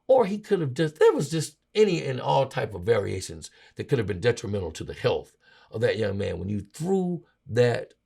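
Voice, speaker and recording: A middle-aged man hosting a sports podcast, giving opinionated, preachy commentary that swings between loud emphasis and low asides. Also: creaky.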